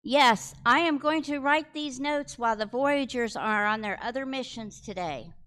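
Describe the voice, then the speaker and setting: A woman presenting a children's Bible program in a theatrical, deliberate, scripted way. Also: sits high, fairly bright tone. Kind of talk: scripted skit and chant for children.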